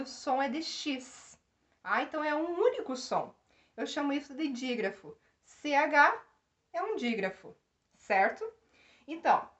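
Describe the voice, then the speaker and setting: Slow, high-voiced woman teaching. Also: fairly bright tone. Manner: explains step by step, asking the class questions. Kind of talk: classroom grammar lesson.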